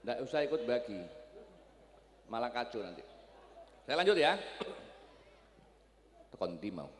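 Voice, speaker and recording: A man's voice: medium pitch, a little slow, slight background noise. A man preaching a sermon, telling stories with dramatic swings in volume. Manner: animated storytelling with dramatic shifts in volume. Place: religious gathering with loudspeakers. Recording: echoey PA sound with long reverb.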